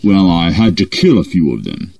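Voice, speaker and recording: A man voicing a cold, cruel masked space villain who speaks in slow, flat, imperious threats. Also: low-pitched, gravelly, husky, no room sound, voice pushed down, heavily acted. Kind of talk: comedy impression sketch.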